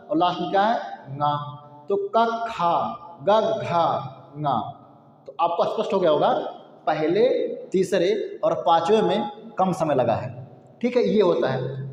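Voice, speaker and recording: In a muffled recording from a room with long, echoing reverb, a Hindi teacher with a high, slightly mellow voice patiently explains grammar. He repeats himself, answers questions he poses, and pronounces syllables aloud to contrast them.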